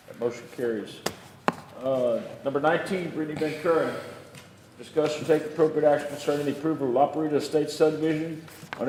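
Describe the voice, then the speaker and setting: A man formally chairing a public meeting, reading agenda items in a procedural way. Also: a little high. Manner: procedural, formulaic. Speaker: county judge chairing a meeting. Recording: echoey hall, long reverb, faint noise.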